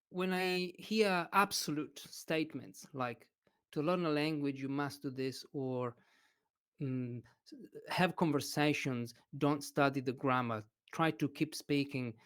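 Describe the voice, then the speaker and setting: An Italian man with an Italian accent, an English teacher, appears as a podcast guest in a casual interview chat. His voice sits on the high side, and he comes across as hesitant yet expressive.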